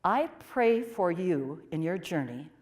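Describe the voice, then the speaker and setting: A woman portraying a pioneering 1830s nun, telling her story in the first person with expressive swings from emphatic to hushed. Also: on the low side, takes it slowly. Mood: earnest. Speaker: performer of a historical portrayal.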